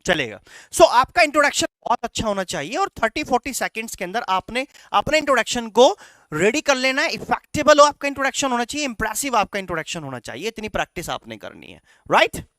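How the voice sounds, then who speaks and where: A man's voice: very high-pitched, very animated, fast, a bit bright, dry recording, studio quality. A man coaching students in a lecture, mixing English phrases into his Hindi, calling them "beta" and checking in with "right?" after each point. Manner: instructive, repeats "right?" and "चलेगा" to check in; calls the students "बेटा". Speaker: coaching teacher. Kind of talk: classroom lecture.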